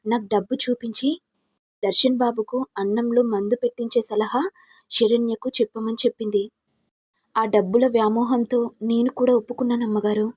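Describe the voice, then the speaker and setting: A woman's voice: fairly high pitch, flat delivery, normal speed, darkish tone, slightly rough, no room sound. A woman voicing a frightened housemaid who begs forgiveness and explains herself. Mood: pleading. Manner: begging, apologetic. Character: frightened pleading woman servant.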